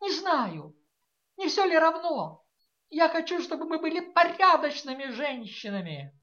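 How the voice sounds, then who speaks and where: A woman's voice: high-pitched, very animated, unhurried, pushed and bright, highs cut off, pitched above the performer's own voice, exaggerated voice. A woman reading an audiobook voices a tearful, pleading young daughter who speaks with theatrical pathos. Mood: insistent.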